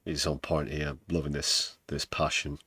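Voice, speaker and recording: Deep slow-talking British man. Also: level tone, sharp tone, husky, no room sound. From United Kingdom. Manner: wry, sarcastic asides with profanity. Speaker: livestream host. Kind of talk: casual commentary on news clips.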